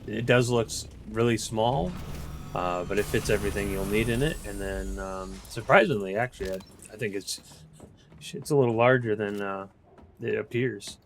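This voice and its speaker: A gameplay video host with a Boston accent gives viewers a casual tour of his game base, rambling along with fillers and restarts. His voice is on the low side at a normal speed, with slight background noise.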